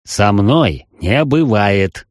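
A woman's voice: rumbling low, animated, a little mellow, no echo, clean studio sound, voice pushed down, heavily acted. A woman voicing a stern, cold tycoon man. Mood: stern, probing. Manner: slow, clipped, interrogating. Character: stern, imperious male gem tycoon, cold and suspicious.

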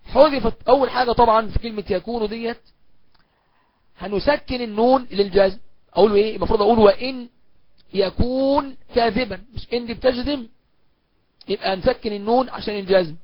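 A man with an Egyptian accent teaching Quran recitation in a recorded course, asking and answering his own questions and slowing down to recite examples. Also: high-pitched, no echo, lo-fi sound. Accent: Egyptian Arabic. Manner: slows down to recite verse examples. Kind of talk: recorded online course lecture.

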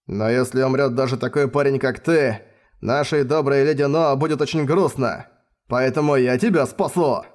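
A man's voice: mid-range voice, normal speed, close to an everyday voice. A man voicing an arrogant, scornful male commander who barks orders in an audiobook.

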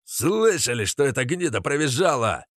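A man voicing a furious burly male wrestler who shouts accusations. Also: on the low side, normal speed, no echo, studio quality, natural voice.

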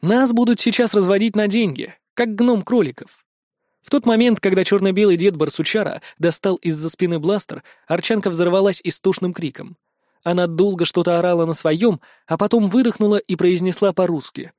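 A man narrating an audiobook in a steady storytelling manner. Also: high-pitched, normal speed, no room sound, clean studio sound.

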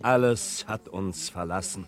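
An actor playing a pompous, impoverished middle-aged gentleman who speaks in flowery, long-winded phrases in an old radio play. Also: deep voice, unhurried. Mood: weary, grandiloquent. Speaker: Mr Micawber. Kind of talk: 1950s radio play acting.

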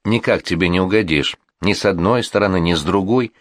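Audiobook: tired, firm middle-aged dad, read by a man, a bit raised from a low voice, dry close sound. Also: brisk, no room sound, natural voice. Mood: fed up. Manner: reasoning, tired insistence. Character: exasperated middle-aged father, patient but firm. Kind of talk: audiobook reading.

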